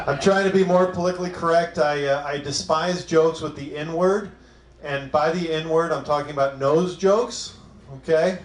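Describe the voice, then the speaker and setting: A man's voice: a little high, moderate pace, reverberant, a little hiss or hum. A man from Cleveland performing a self-deprecating, crude stand-up set on a club stage. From Cleveland, Ohio. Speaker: stand-up comic.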